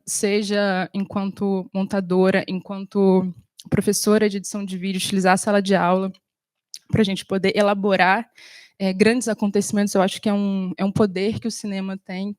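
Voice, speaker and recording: A woman film editor and teacher speaking reflectively on a panel, pausing often with soft fillers. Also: mid-range voice, no echo, clean studio sound. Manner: thoughtful, with frequent fillers and soft pauses.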